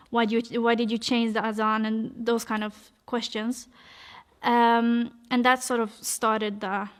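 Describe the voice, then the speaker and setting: Young woman from Norway, personal testimony, hesitant and halting, fairly high voice with an even, flat contour. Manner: hesitant, many fillers and restarts. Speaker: vlog speaker telling her story.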